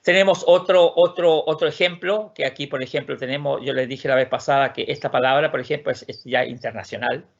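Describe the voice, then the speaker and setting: Gravelly man teaching with lo-fi sound. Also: medium pitch. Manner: repeats words slowly to model pronunciation. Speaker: Swedish teacher. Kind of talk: online language class. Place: lives in Sweden. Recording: lo-fi muffled audio.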